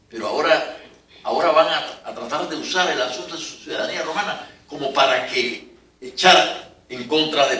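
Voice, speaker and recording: Older male preacher, high and lively, animated sermon, distant mic in a roomy church. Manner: animated, rising to emphatic peaks, chuckling asides.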